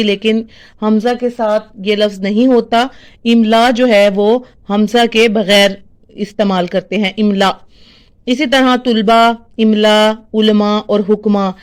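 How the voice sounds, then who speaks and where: A woman with a Pakistani Urdu accent giving an informal lesson on correct spelling and pronunciation, pausing often with fillers. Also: a little high, smooth. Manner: hesitant, with frequent fillers and restarts. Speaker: teacher sharing word corrections.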